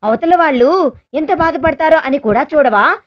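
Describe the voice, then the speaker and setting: A woman's voice: sits high, animated, moderate pace, muffled recording. A woman voicing a stern middle-aged father who scolds, in a read-aloud story. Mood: scolding.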